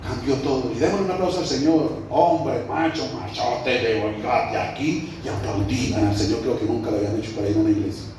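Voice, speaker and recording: A man's voice: medium pitch, a little fast, few pauses, darkish tone. A man with a Colombian Spanish accent, a pastor preaching a sermon and telling a story in a conversational way to his congregation in a church hall. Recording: roomy echo, mic at a distance, faint background noise.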